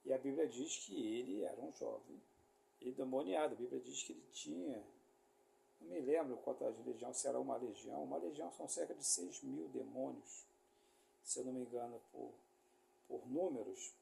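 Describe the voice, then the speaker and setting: A man's voice: medium pitch, moderate pace, gravelly, dark tone, a little hiss or hum. A man from Rio de Janeiro with a Carioca accent, teaching a loose, rambling sermon full of fillers and tag questions. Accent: Brazilian Portuguese, Rio de Janeiro. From Rio de Janeiro, Brazil. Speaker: preacher.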